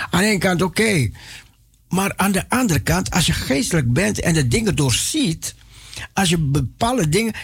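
Fervent preaching man with a gravelly voice. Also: high voice, no room sound, clean studio sound. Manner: impassioned, repetitive, many restarts and stumbles. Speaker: radio evangelist. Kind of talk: preaching on radio.

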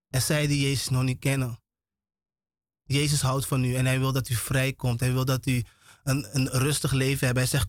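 A man's voice: mid-range voice, no echo, clean studio sound. A man preaching on the radio, emphatic and repetitive, often breaking off and restarting his words. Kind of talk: radio sermon.

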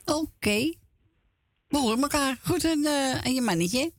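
A woman's voice: high voice, measured pace. A woman hosting a radio request show, chatting in an agreeable, informal way. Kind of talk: casual chat. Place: radio studio.

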